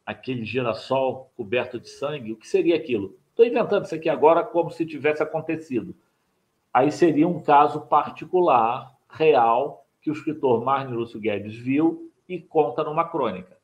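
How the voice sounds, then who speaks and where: An older man runs a live online mini-lesson on writing from his home study via webcam, laying out his points step by step, repeating the key ones, and asking viewers to like and subscribe. He has a medium-pitched voice with lively intonation and a moderate pace.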